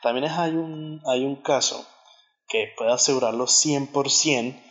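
A man's voice: medium pitch, unhurried, a bit bright. Man explaining, dull lo-fi recording. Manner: explanatory, with frequent restarts and fillers. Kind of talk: casual chat.

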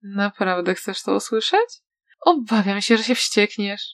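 A woman voicing a cruel, sly young villain who taunts in a soft, low voice, in a storybook reading. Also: lively intonation, unhurried, dry recording. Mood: taunting.

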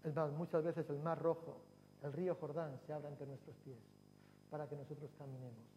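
A man's voice: fairly high pitch, flat delivery, normal speed, muffled recording. A man preaching a sermon as pastor, building to emphatic cries and repeating key phrases. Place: church hall. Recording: long hall reverb, faint hum.

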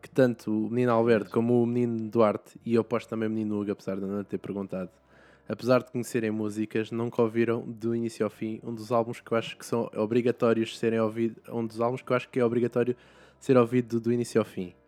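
Fast-talking young Portuguese man, rambling. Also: mid-range voice, little pitch movement, warm tone. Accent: European Portuguese. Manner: rambling, many restarts and fillers. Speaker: podcast host. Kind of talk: casual chat.

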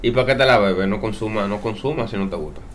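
A man's voice: lowish voice, quick pace, a little hiss or hum. A man with a Dominican accent co-hosting a podcast, chatting and joking in playful banter. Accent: Dominican Spanish. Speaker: podcast co-host. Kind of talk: casual chat.

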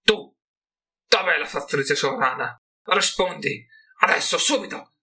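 A man's voice: slow pace, creaky, bright, forceful tone, far from the mic, heavily acted. Man doing a shrieking rat-man sorcerer. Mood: shrill, demanding. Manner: shrill, commanding, impatient.

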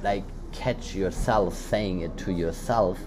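With a deep voice and slow delivery, this man co-hosts a casual motivational podcast. His first language is German, and his loose, rambling sentences keep restarting and filling up with fillers as background noise plays.

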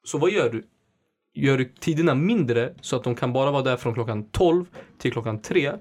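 A young man talking in casual chat, animated and swearing, mixing English slang into his talk. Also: mid-range voice.

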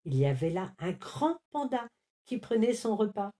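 A woman reading a children's storybook aloud, clearly and expressively. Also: medium pitch, sing-song, normal speed, mellow.

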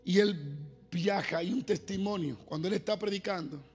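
A man with a high, slightly husky voice delivers an impassioned sermon and swells into loud exclamations. His voice rings through a large hall with a long reverb, over faint music. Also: normal speed. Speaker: preacher.

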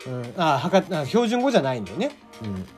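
Talking fast over faint background music, a podcast host from Kagoshima, Japan, chats through a casual solo show. His accent mixes Kagoshima and Hakata dialect, and his talk is full of fillers and lively pitch swings.

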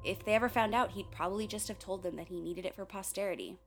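Here a woman narrates a radio play as a candid young filmmaker, uneasy and wry, sharing confidences, going off on tangents and swearing. Her medium-pitched voice is fast and close to everyday speech, and music runs behind her.

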